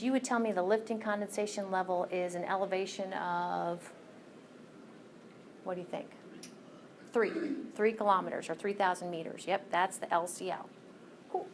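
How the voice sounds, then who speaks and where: A woman's voice: mid-range voice, slight background noise. A woman lecturing a college class, walking through each step and checking in with "okay?".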